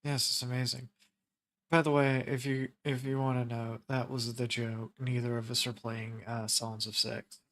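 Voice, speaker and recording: Deadpan, joking male podcast co-host. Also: mid-range voice. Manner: jokey, deadpan, many quick affirmations. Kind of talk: casual chat.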